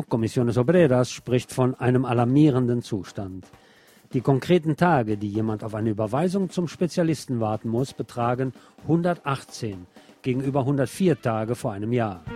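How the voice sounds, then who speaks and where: Faint music with guitar accompanies a male radio presenter as he reads scripted local news. His mid-range voice is soft, dark, and relaxed, yet his delivery turns sardonic and editorializing, full of opinionated asides.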